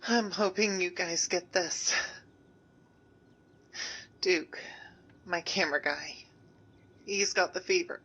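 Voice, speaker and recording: A woman's voice: on the low side, fairly bright tone, full character voice, poor audio. An actress voicing a frightened female field reporter pleading through a plague broadcast in a video game. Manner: frightened, pleading, slow halting delivery. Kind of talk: video game radio drama.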